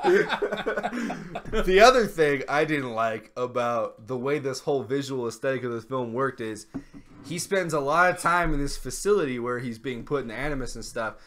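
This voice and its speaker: A man's voice: medium pitch, fairly quick, noisy background. A tipsy man in his thirties giving a casual comedic movie review, ranting and swearing freely. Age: 30s. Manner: foul-mouthed, animated ranting. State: tipsy from drinking. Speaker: film reviewer and co-host. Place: small room indoors. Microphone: desk microphone.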